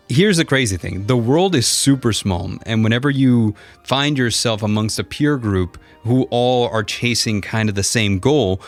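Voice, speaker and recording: Over background music, a low-voiced man shares his own story, broken into numbered lessons. He works as a voice actor and content creator.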